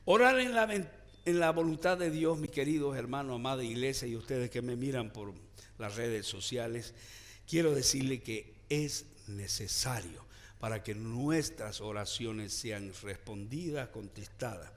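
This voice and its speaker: A male pastor preaching a sermon with call-and-response, swinging from loud declarations to hushed lines, in a church. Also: medium pitch, a little slow, big-room sound. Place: church sanctuary, also streamed online.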